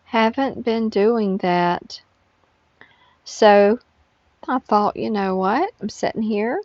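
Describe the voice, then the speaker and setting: A middle-aged woman vlogger chatting casually to her viewers, tired and rambling slowly with lots of fillers. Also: mid-range voice, a little mellow, no room sound. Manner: slow, drowsy rambling with frequent fillers. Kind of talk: casual chat to camera. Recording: dull, lo-fi sound.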